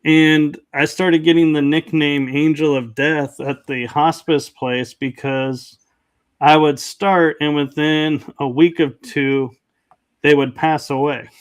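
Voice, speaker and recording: A man's voice: a little high, steady tone, slow, clear, resonant tone. A man being interviewed as a podcast guest, telling stories in a rambling, conversational way. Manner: rambling, conversational, many restarts and asides. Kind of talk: casual storytelling interview.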